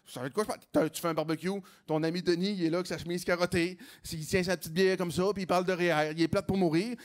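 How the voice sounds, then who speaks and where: A man with a Québécois French accent performing a stand-up comedy routine, animated and jumping into quoted voices. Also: racing. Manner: animated, acts out quoted voices with big pitch jumps.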